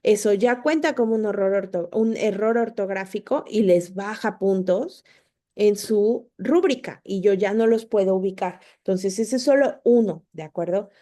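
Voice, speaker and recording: A woman's voice: mid-range voice, moderate pace, warm tone. A woman, an online course tutor patiently explaining spelling and punctuation to students, often checking in with "ok?". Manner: patient, repeats points, asks "¿ok?".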